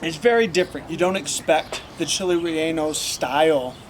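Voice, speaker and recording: Brief: mock-serious teasing judge, mid pitch, noisy home recording. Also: normal speed. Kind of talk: casual chat.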